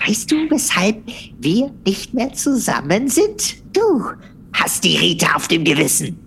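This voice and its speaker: Eine Frau spielt einen in die Enge getriebenen männlichen Mordverdächtigen, der Beleidigungen ausspuckt und unter Druck ins Stottern gerät. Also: female voice, medium pitch, huge pitch swings, unhurried, creaky, fairly bright tone, slight background noise, exaggerated voice. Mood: bitter. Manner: spits insults, stammers under pressure. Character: cornered male murder suspect, defiant then terrified.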